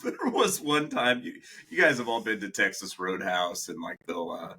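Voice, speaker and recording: A young man co-hosting a podcast, telling animated stories in casual chat, laughing often and acting out what people said. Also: on the low side, normal speed, husky. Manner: animated storyteller, laughs often, acts out quotes. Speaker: podcast co-host.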